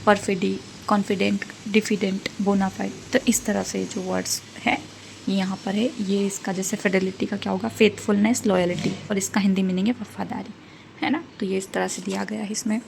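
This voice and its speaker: A woman's voice: mid-range voice, flat delivery, moderate pace, vocal fry, darkish tone, a little hiss or hum. A woman giving a casual book review, reading out word lists and checking in with listeners, mixing English words into her Hindi explanations. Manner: reads out word lists and checks in with "theek hai" and "hai na".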